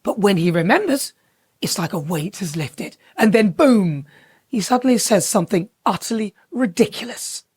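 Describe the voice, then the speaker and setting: A woman's voice: mid-range voice, animated, normal speed, darkish tone, breathy edge, no echo. Woman, TV presenter, sarcastic satirical monologue, dry close sound. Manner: sarcastic, mocking, punchy delivery.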